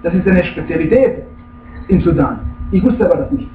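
A man's voice: on the high side, lively intonation, brisk, background noise. A man giving a religious lecture as a preacher, speaking emphatically and checking in with his listeners with frequent questions. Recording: tinny, echoey room, far from the mic.

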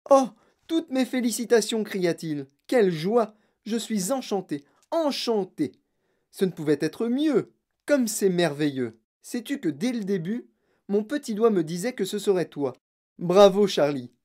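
A storybook reader voicing an eccentric, excitable grown man who makes chocolate and talks in delighted exclamations. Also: medium pitch, normal speed, pitched above the performer's own voice, natural voice. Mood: jubilant.

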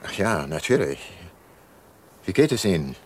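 An actor voices a sombre, brooding private detective getting on in years, narrating his own radio drama in the first person and also speaking dialogue. His deep voice is sing-song, at a normal pace, reflective and sober.

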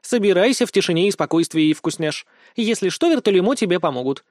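A man's voice: high voice, lively intonation, quick pace, darkish tone, no room sound, studio quality. A man reading an audiobook, voicing a bossy, playful cat girl. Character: bossy cat girl who purrs murmya.

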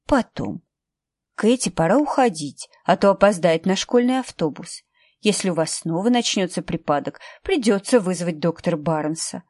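A woman's voice: lowish voice, expressive, normal speed, darkish tone, no room sound. A woman voicing a kindly, firm housekeeper who speaks soothingly and decisively.

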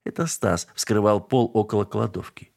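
A man reading a story aloud as narrator, in a steady, expressive manner. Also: lowish voice, normal speed, creaky. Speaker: audiobook narrator.

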